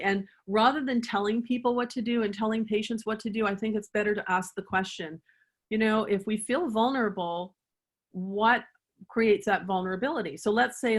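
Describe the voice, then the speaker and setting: Earnest woman chiropractor guest. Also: mid-range voice. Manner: earnest, thoughtful, guides listener through a breathing reflection. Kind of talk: reflective interview answers.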